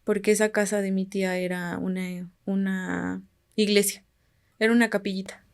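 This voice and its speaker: Mexican woman from guerrero, podcast guest, mid pitch, calm chatty storytelling, voice drops off quiet at the ends. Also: moderate pace, creaky, smooth. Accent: Mexican Spanish. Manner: calm, often trailing off quietly at phrase ends. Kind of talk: casual storytelling.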